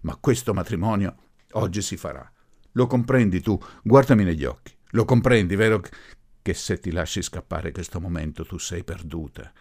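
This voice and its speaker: A man voicing a forceful middle-aged professor who speaks loudly and imperiously. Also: deep voice, flat delivery, moderate pace, hardly any pauses. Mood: insistent. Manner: imperious, insistent, loud.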